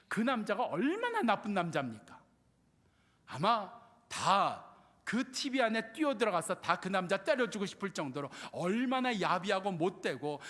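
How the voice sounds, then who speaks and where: A male pastor delivers a sermon in a high, animated voice that climbs and falls sharply. He piles up rhetorical questions and then sinks to near-whispers. The sound carries a long, ringing reverb from the church hall. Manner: rhetorical questions, answering himself with repeated refrains; swings between loud emphasis and near-whispered asides. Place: church sanctuary.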